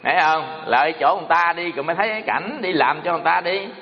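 A man delivers a homespun moral talk to an audience, circling back on his words with plenty of fillers. His voice sits a little high for a man. The recording is dull and lo-fi, with a long reverb hanging around him. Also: rapid-fire. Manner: homespun, repetitive, full of fillers. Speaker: speaker addressing an audience. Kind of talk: moral talk with folksy storytelling. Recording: dull lo-fi sound in a reverberant hall.

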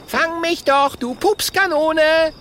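A man's voice: sits high, sing-song, moderate pace, a little hiss or hum, pitched above the performer's own voice. A man voicing a plucky, cheeky young male dragon hero in a children's storybook. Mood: taunting.

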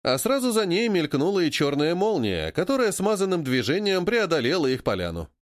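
A man's voice: on the high side, brisk, no echo, studio quality. A man narrating an audiobook and voicing its characters. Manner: lively, voicing many characters.

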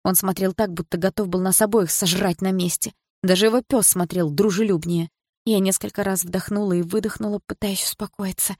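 A woman's voice: mid-range voice, steady tone, brisk, dark tone, no echo, studio quality. A woman narrating a first-person audiobook in an indignant, emotional way.

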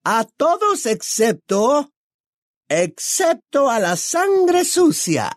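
A man voicing a cruel adult witch in an audiobook, drawing out each menacing word slowly. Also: very high voice, wildly swooping pitch, no room sound, studio quality, voice pushed up, exaggerated voice. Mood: threatening. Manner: slow, drawn-out, menacing. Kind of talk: audiobook character voice.

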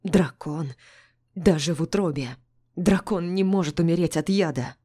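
Woman reading aristocratic male duke, curt, sharp, proud, low voice. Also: moderate pace, husky. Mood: shaken.

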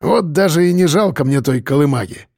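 A man's voice: on the high side, expressive, brisk, darkish tone, dry recording, studio quality. A man doing a grumbling older patient. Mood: warm. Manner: grumbling, gruff.

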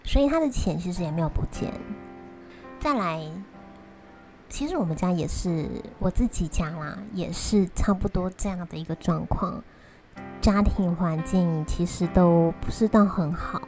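Casting: woman, Taiwanese accent, lowish voice, casual vlogger talking between bites while eating, music clearly behind her. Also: normal speed, a little mellow. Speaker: vlog host. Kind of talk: casual solo chat to viewers. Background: prominent music.

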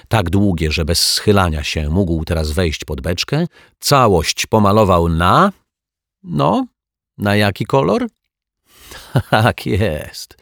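A man with a very deep voice reads a children's story aloud with a lively, swinging melody. He is playful and turns to the young listener with questions. The recording is dry and close. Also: gravelly, no echo. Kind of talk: children's audiobook narration.

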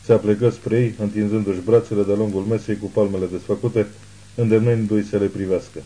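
Man reading an audiobook, low dark mellow voice, steady. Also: rough recording. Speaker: narrator. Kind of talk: audiobook narration.

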